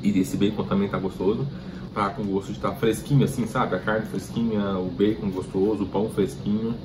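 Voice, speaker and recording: Brazilian man, lowish voice, talking while chewing, casual food-review chat over clear background noise. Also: steady tone, brisk. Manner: chatty, addresses viewers directly.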